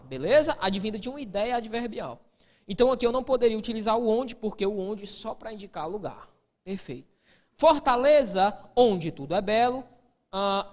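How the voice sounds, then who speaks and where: A high-pitched man teaches an exam-prep grammar lesson in a big-room acoustic. He poses students' questions to himself and answers them, sprinkling his speech with "ó".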